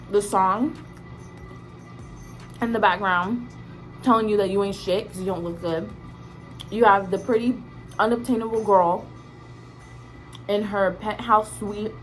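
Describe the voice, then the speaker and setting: Speaking to her viewers, a woman vlogger chats casually and emphatically, sharing opinions in slangy language full of swearing and repeated words for emphasis. Her voice is mid-range, and the recording is rough.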